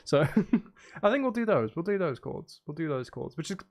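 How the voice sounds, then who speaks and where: Very animated and a little mellow, this man's fairly high voice moves at a normal speed. He streams live as a voice performer, making casual chat while he composes and thinking aloud in an apologetic, self-interrupting manner.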